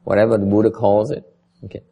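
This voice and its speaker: Gravelly-voiced man teaching scripture. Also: fairly low pitch, little pitch movement, a little fast, dark tone, lo-fi sound. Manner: switches between English and Vietnamese; emphatic, often asks "is it clear?". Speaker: Buddhist teacher. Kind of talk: dharma lecture with slides.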